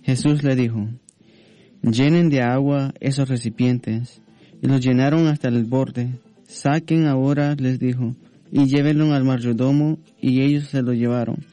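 A man reading a Bible passage aloud in a steady, measured way on a religious radio program. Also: medium pitch, dry recording. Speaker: scripture reader.

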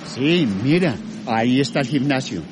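An actor playing a kindly older reformed ex-convict who coaches boxing, in a radio drama. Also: male voice, medium pitch, normal speed, background noise, close to an everyday voice. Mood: calm, encouraging. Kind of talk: radio drama public service spot.

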